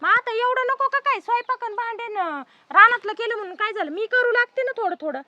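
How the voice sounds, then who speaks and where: A woman's voice: lively intonation, brisk, highs cut off, background noise. An actress playing a cruel, greedy young daughter-in-law who nags and insults her mother-in-law. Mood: scolding. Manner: shrill, nagging, insulting. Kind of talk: village family drama acting.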